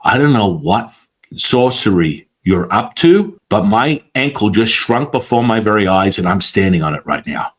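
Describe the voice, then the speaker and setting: A man voicing his young woman friend on the phone, blunt and swearing in disbelief, in a lowered, quick voice. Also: expressive, breathy edge. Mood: astonished.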